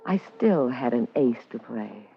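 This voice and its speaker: In a dull, lo-fi old-time radio crime drama with music, an actress voices a scheming, slangy underworld woman in an extremely low, exaggerated voice with vocal fry. She narrates hard-boiled and unhurried, expressive, brassy and defiant.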